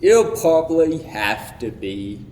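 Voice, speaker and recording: A man of twenty-two, a gospel singer giving brief, soft-spoken answers. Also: a little high, big pitch swings, slow pace, in a large hall, poor audio.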